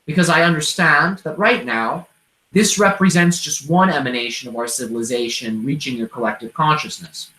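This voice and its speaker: A man channeling an inquisitive, open-hearted otherworldly being like a seance medium, speaking in formal, measured, abstract sentences. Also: fairly high pitch, pushed and bright. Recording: roomy, echoing sound.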